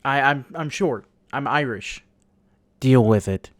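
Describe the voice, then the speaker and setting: Slow-talking man telling a story. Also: mid-range voice, no echo, clean studio sound. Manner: halting and amused, laughing at his own story. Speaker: YouTuber. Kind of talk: casual storytelling vlog.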